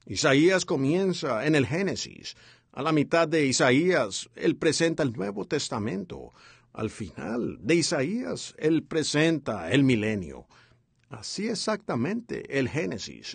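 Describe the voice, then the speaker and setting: A man reading a voice-over translation of a sermon in a steady, earnest way. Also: a little high, vocal fry, husky, no room sound. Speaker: sermon interpreter.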